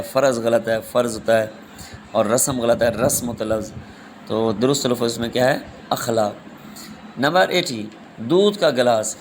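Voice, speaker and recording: A man's voice: mid-range voice, slight background noise. Man teaching, reading options aloud. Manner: reads each option then states the answer, calls students "beta". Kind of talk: exam question walkthrough.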